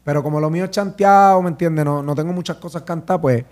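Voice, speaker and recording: Hoarse male singer, casual podcast storyteller, slightly high voice. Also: fast, darkish tone. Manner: storytelling, quotes others, says "¿me entiendes?". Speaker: podcast host. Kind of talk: casual chat.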